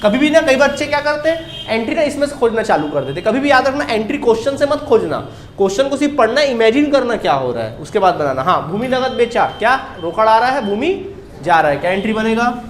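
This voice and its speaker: A man's voice: extremely high pitch, animated, fairly quick, echoey room, slight background noise. A man teaching a commerce class, drilling students with repeated questions and answers. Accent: Chhattisgarhi Hindi. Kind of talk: classroom lecture.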